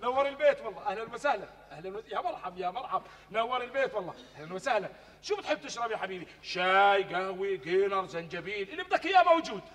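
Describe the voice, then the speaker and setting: An actor playing a fussy, scheming older shopkeeper in a televised stage comedy, effusive and sly. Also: male voice, high-pitched, animated, rapid-fire, a bit bright. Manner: effusive, overly hospitable, sly. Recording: reverberant stage hall.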